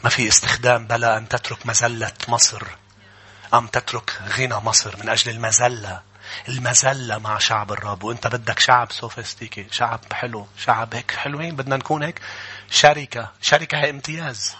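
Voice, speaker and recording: Man, pastor, Levantine Arabic accent, husky, sharp tense tone, preaches with call-and-response. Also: medium pitch, fairly even intonation, a little fast. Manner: shifts from chatty asides to fervent shouting; calls for responses from the congregation. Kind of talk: sermon.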